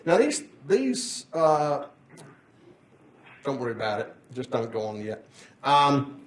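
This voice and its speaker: A man's voice: medium pitch, sing-song, slow pace. An older man giving a conference lecture, rambling through anecdotes and chuckling at his own stories. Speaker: conference presenter. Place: conference hall. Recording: roomy echo of a conference hall.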